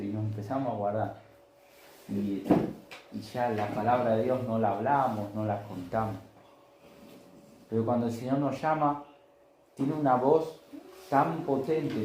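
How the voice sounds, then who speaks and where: A man's voice: medium pitch, a little mellow, roomy sound, slight background noise, poor audio. A man preaching a Sunday sermon, telling stories in a conversational way and acting out the voices in them. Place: church.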